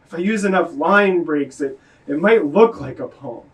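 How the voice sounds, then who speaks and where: A man's voice: fairly high pitch, expressive, moderate pace, recorded from a distance. A man performing his own spoken word poetry live, with an earnest, confessional delivery.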